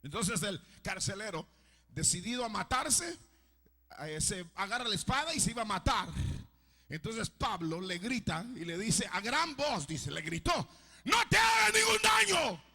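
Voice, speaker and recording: Man, Salvadoran Spanish accent, preacher, sermon, shouted bursts, sharp bright tone, husky. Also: sits high, big pitch swings, moderate pace. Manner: preaching with frequent shouted outbursts. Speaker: pastor.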